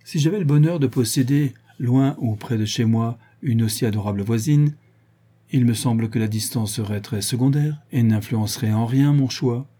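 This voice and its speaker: A man's voice: medium pitch, moderate pace, mellow, breathy edge, lightly acted. A man playing a stout, talkative society gossip who teases everyone. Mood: mocking. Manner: teasing, talkative.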